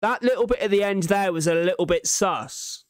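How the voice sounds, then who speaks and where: Pitched high and speaking at normal speed, a young man gives laid-back reaction commentary peppered with slang and swearing. There's no room sound, since he's close to a large desk microphone in a small indoor space at home.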